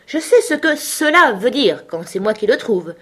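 A woman's voice: a little high, big pitch swings, moderate pace, pitched above the performer's own voice. A woman voicing a literal-minded, pedantic duck in a storybook reading.

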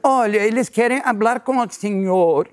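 A man's voice: high voice, voice pushed up, natural voice. A man voicing a fussy, apologetic female airport worker who speaks in a Spanish-tinged Portuguese and drags out her pleading words. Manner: drawn-out, sing-song pleading.

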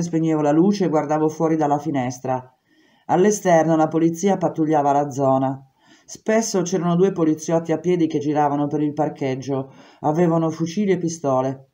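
A woman reading a memoir aloud in steady, measured first-person narration. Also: low-pitched. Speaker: reader.

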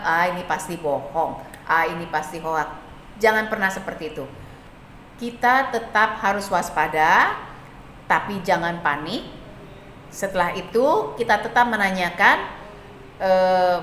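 A woman instructor gives a hospitality lesson in a plain, mid-pitched voice. She explains patiently, pausing on fillers and acting out sample greetings. The recording sounds roomy and echoey, with faint noise underneath. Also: a bit bright. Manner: explanatory, with frequent hesitation fillers; acts out sample phone greetings. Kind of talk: classroom lecture.

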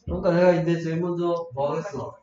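A man's voice: fairly high pitch, steady tone, fast talker, crowd noise. Male teacher, raised voice, spinning a funny story for his class, picked up from far off in a dull, echoey room. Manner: playful storytelling, keeps checking in with students. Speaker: English teacher. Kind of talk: classroom lecture with a joking story.

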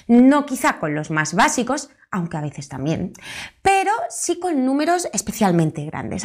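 A young woman with a Spanish accent from Spain gives a chatty YouTube English lesson, stretching out her example words. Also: on the high side. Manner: lively, chatty, drawn-out model words. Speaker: English teacher.

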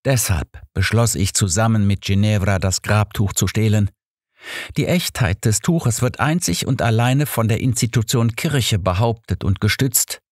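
A man's voice: on the low side, normal speed, no room sound, clean studio sound, lightly acted. A man voicing an earnest young male pastor who justifies himself in an audiobook. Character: young male pastor, bitter, defensive confessor.

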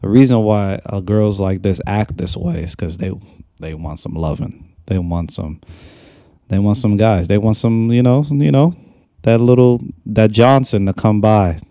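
A young man with a very dark, mellow voice gives casual reaction commentary, mocking and exasperated and saying the same thing again and again. He speaks into a desk microphone in a small room, and the sound is dry and close. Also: fairly low pitch, a little slow, no room sound. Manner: mocking, exasperated, repeats himself. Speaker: reaction video host. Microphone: desk microphone on a stand.

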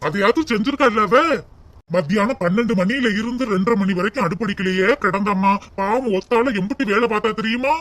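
A man's voice: high-pitched, a little fast, a bit bright. A man voicing a patient young husband in a cartoon, pleading with his mother. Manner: pleading, reasoning.

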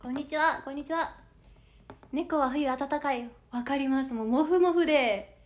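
A woman's voice: sits high, moderate pace. A 21-year-old woman with a Kansai Japanese accent, chatting casually on a livestream as an idol audition candidate, reading viewer comments aloud and giggling often. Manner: bubbly and giggly, with frequent laughter.

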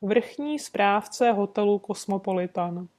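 A woman reading an audiobook, voicing a composed, courteous gentleman detective who speaks calmly and sweetly insists. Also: mid-range voice, close to an everyday voice. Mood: suave. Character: composed, suave gentleman detective, adult man.

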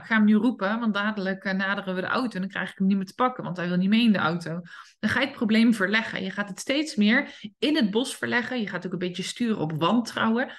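A woman hosting a solo podcast as a dog trainer, talking lively and acting out how owners call their dogs. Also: mid-range voice. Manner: lively, acts out calling her dog in quoted voices.

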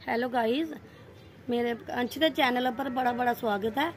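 A woman's voice: fairly high pitch, moderate pace, faint music behind. A middle-aged woman from Jammu, the vlogger's mother, teasing her son in a bossy, laughing way. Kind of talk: casual vlog intro.

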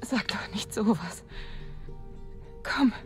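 A woman playing a tender, worried young wife in a video game, speaking softly and emotionally. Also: a little high, normal speed, close to an everyday voice. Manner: soft, emotional, pleading. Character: tender, worried pregnant wife of a resistance fighter. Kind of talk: German video game dub acting. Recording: music behind the voice.

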